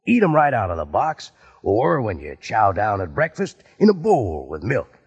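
An actor playing a folksy cowboy pitchman who drawls heartily in an old radio commercial. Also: wildly swooping pitch, normal speed, slightly rough, full character voice. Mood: hearty. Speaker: ad announcer. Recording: slightly dull old radio recording.

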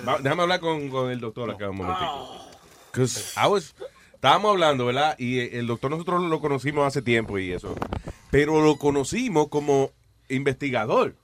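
Teasing radio host. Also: male voice, medium pitch, expressive, fairly quick, background noise. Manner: teasing, bilingual, questioning. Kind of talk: comedic radio banter.

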